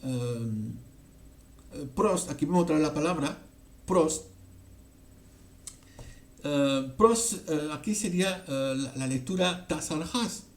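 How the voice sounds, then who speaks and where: A man from teaching a Bible passage in a halting way, with many fillers and frequent "ok?" check-ins. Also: a little high, expressive. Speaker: preacher.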